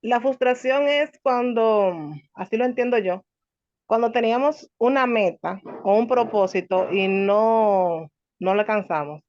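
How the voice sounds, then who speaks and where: A woman in her thirties joining an online session, sharing a personal example slowly and thoughtfully, with some hesitations. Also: a little high, darkish tone. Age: 30s. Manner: slow, thoughtful, hesitant with fillers. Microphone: video call. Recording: muffled video call audio.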